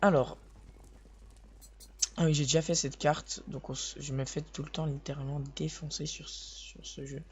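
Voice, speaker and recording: Soft-spoken young man with a sore voice. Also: on the high side, flat delivery, moderate pace. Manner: hesitant, rambling, restarts sentences. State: sore voice, speaking softly. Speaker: gaming video host. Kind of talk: live gameplay commentary. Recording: slightly dull lo-fi recording with faint hiss.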